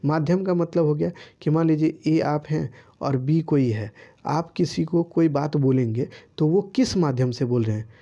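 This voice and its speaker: A male teacher patiently goes over quiz answers, asking rhetorical questions and repeating key points. His voice sits a little high for a man but sounds mellow and soft in tone. He speaks close to the microphone. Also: moderate pace, lo-fi sound. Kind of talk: explaining quiz answers to students.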